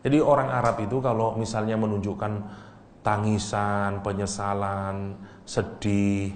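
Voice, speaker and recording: A middle-aged man with a light tinge gives an animated religious lesson, his pitch jumping up when he acts out cries of grief. He teases his listeners, laughs easily and quizzes them, while a faint hum of room noise sits behind him. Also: a little slow. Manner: teasing and animated, acts out Arabic cries with sudden high voice; laughs often, asks the audience questions. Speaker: Islamic teacher. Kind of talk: lecture on Quranic language.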